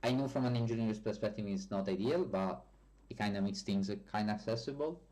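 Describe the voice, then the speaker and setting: Talking fast in a lowish, darkish voice over poor audio, an Italian developer with a strong accent and Italian as his native tongue answers viewers' questions on a live stream. He keeps it casual and frequently corrects himself.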